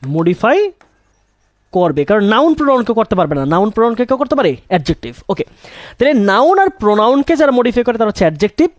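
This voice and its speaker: A man's voice: high-pitched, sing-song, racing, no echo. A young man teaches English grammar to his students, his voice rising and falling a lot as he quizzes them and then answers himself. The sound is dry and close, with no room around it. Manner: asks questions and answers them himself, repeats key words. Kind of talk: classroom-style grammar lesson.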